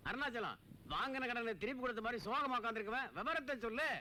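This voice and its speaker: A man's voice: very high voice, fast, bright, forceful tone, slight background noise, full character voice. An actor playing a cheeky village friend who teases his pal and gives him crafty advice about women. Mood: teasing. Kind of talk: Tamil film comedy acting.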